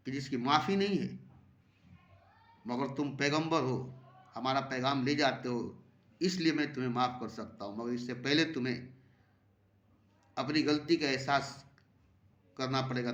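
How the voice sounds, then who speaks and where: A man voicing God as a wounded, angry deity who rises to loud, aggrieved outbursts, in a roomy recording. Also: medium pitch, natural voice. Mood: stern. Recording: roomy echo.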